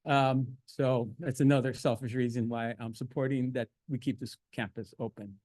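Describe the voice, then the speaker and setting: A man speaks haltingly at a board meeting, searching for words with many pauses and fillers. The recording is dry and close, with little room sound. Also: mid-range voice, fairly even intonation, darkish tone, dry recording. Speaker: school bus driver and maintenance worker. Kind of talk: public comment at a board meeting.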